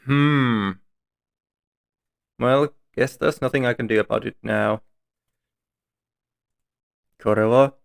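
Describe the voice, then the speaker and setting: A man's voice: medium pitch, slow pace, creaky, pauses often. A man streaming from home, reading story text aloud and breaking off for chatty, self-deprecating asides.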